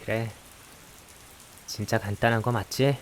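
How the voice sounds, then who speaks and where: A lowish, natural-sounding man voices a high school boy in a visual novel, partly narrating in first person as a reluctant, exasperated partner. He's measured, blunt and dry, sighing and sarcastic as he grumbles. There's hiss with steady rain in the background.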